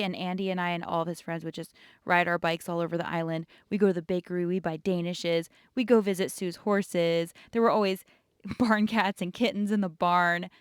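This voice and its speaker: A woman's voice: fairly low pitch, clean tone, no echo, clean studio sound. A young woman casually telling rambling childhood stories while sketching, laughing often. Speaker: art channel host.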